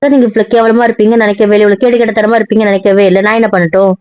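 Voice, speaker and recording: A woman's voice: mid-range voice, steady tone, very fast, a little mellow, dry recording, highs cut off, lightly acted. A woman playing a stern young wife who is fed up and scolding firmly. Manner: firm, scolding, clipped. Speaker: angry wife in audio drama. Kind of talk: Tamil audio drama acting.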